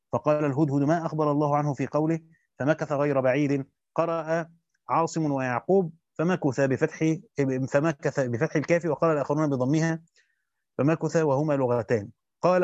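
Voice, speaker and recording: A teacher reads a classical Quran commentary aloud to his students, dropping in brief spoken asides. His voice is fairly high and a little mellow, with no echo, and the recording is dry, dull and lo-fi.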